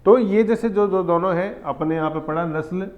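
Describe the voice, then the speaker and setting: A man's voice: sits high, normal speed. A man teaching an exam-prep class in a conversational way, often repeating points and checking in with the students. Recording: dull lo-fi sound.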